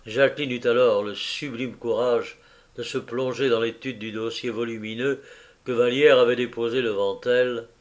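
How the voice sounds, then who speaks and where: A man narrating a novel in a measured, even audiobook reading. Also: medium pitch, dull audio.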